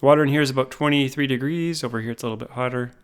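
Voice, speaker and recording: Man giving laid-back game commentary, smooth voice. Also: medium pitch. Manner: relaxed, thinking aloud with frequent "uh" pauses. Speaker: gaming YouTuber. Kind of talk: casual gameplay commentary.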